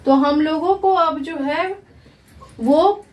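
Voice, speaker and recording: A woman English teacher giving a grammar lesson, asking her students questions and answering them herself. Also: sits high. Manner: slow, repeats questions to the class and answers them. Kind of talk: grammar lesson explained in Hindi. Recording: echoey room, voice from far.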